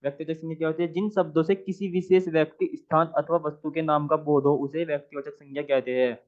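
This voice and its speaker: A man's voice: a little high, fairly even intonation, fast. Man repeating answers over a tinny line. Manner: repeats each question and answer several times; asks the viewer questions, then answers them. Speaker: Hindi exam tutor. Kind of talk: exam practice lesson. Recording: tinny phone-like audio.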